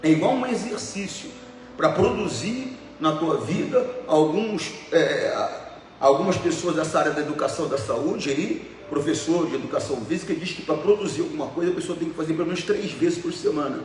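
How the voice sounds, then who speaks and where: A man's voice: on the high side, a little fast, a little hiss or hum. A man preaching as a pastor, telling stories with emphatic repetitions. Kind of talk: preaching sermon. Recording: echoey hall, voice from far off.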